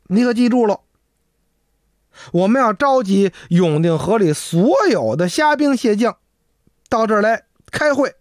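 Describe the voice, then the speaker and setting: A man's voice: sits high, no echo, clean studio sound, pitched above the performer's own voice. Man voicing a lecturing male loach spirit, storyteller's bossy folk-tale demon.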